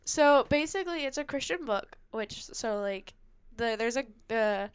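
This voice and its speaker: Woman co-host, clear smooth voice, slow and rambling, easygoing. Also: fairly high pitch, animated. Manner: hesitant and rambling, many fillers and giggles. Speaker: podcast co-host. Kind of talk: casual book-review chat.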